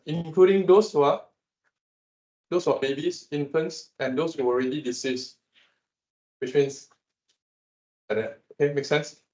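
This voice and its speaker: A Malaysian man lecturing his class on economics, animated and teasing as he quizzes students. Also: a little high, lo-fi sound. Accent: Malaysian English.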